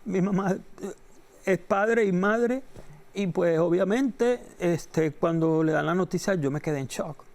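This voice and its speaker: A middle-aged man from Venezuela tells stories as an interview guest, his voice sitting a little high for a man. He acts out every character in his anecdotes, his pitch leaping up whenever he quotes someone. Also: a little slow, darkish tone. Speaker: entertainment reporter, interview guest. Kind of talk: animated storytelling in an interview.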